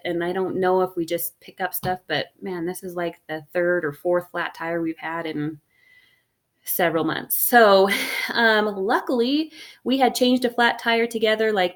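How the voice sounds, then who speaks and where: A woman in her forties telling a story in a casual, rambling way, often voicing her own thoughts aloud and adding "right?" to her points. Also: fairly low pitch. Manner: rambling with fillers and tag questions. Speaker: fitness vlogger. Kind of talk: casual reflective monologue.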